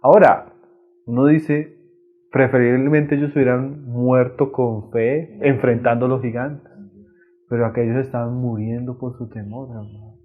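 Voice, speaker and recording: A male preacher giving a conversational sermon, often tagging his phrases with a friendly aside and swinging from emphatic raised lines to quiet drops. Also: medium pitch, steady tone, normal speed, phone-quality sound.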